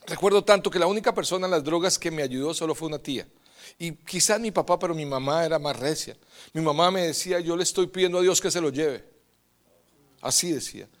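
A man preaching, telling his testimony softly and then exhorting loudly. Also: a little high. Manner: swings from hushed storytelling to loud exhortation. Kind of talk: sermon with personal testimony.

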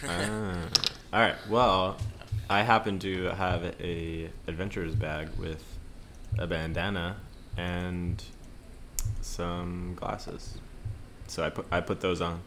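Brief: deep-voiced male gamer, relaxed, thinks out loud. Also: slow, a little hiss or hum. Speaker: player. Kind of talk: casual tabletop play.

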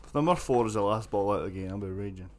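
A man's voice: on the low side, fast, a little mellow. A man calling out numbers in the manner of a bingo caller during a live draw, with casual, blunt asides. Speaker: drawer of numbered balls in a sports cup draw. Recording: noisy room recording.

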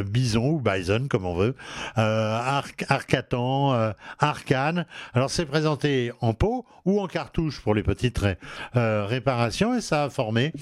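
A man's voice: medium pitch, no echo, clean studio sound. A man with a regional French accent hosting a home advice talk show, hesitant with many fillers and restarts. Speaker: radio show host.

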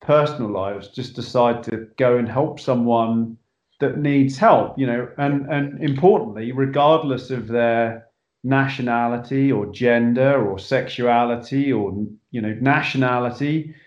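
A man's voice: medium pitch, unhurried, a little mellow. Earnest man talking in an echoey room. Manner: earnest, many restarts and fillers. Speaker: film director, guest. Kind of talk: casual interview talk. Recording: echoey, dull remote line.

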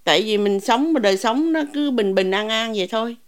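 A woman's voice: on the high side, animated, quick pace. A woman in her sixties from Vietnam, recalling her past in hesitant speech full of fillers. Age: 60s. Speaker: interviewee. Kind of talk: personal recollection.

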